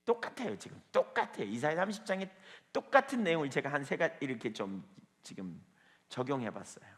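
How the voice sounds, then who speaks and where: A man's voice: a little high, big pitch swings, fairly quick, fairly bright tone, in a large hall. A man preaching a sermon as pastor at a small evening prayer meeting, emphatic and firing rhetorical questions at the listeners.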